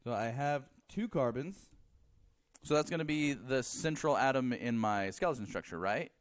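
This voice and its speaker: A man's voice: medium pitch, expressive, moderate pace. A man teaching chemistry in a classroom, joking with students and counting aloud as he draws. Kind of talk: classroom lecture.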